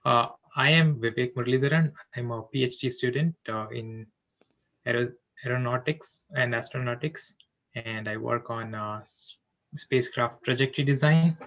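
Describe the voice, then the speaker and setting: A man's voice: mid-range voice, normal speed, a bit bright, muffled recording. Young man introducing himself, hesitant. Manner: hesitant, polite. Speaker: graduate assistant. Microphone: video call.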